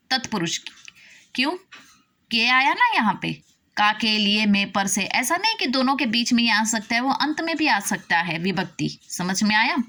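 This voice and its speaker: Slow, high-voiced woman teaching grammar. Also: bright, forceful tone. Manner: explains slowly, repeating words and asking "did you understand?". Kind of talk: classroom grammar lesson.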